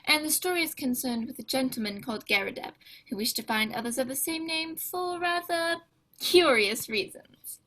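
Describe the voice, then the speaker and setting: A woman playing a kindly, steady male doctor who recounts a case in a gentle storytelling tone, in 1930s-style radio drama acting. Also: high voice, moderate pace, rough recording. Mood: genial.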